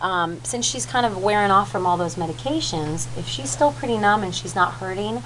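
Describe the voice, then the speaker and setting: A woman's voice: mid-range voice, animated, normal speed, a bit bright. A woman working as a dental assistant, patiently and informally explaining aftercare instructions in detail and checking she is understood. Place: clinic recovery room. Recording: noisy room with background ambience.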